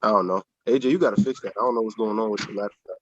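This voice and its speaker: A man's voice: on the low side, rapid-fire, faint music behind. A man co-hosting a casual podcast, teasing with mock-earnest, dry remarks. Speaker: podcast co-host. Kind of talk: casual chat. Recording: muffled dry remote mic.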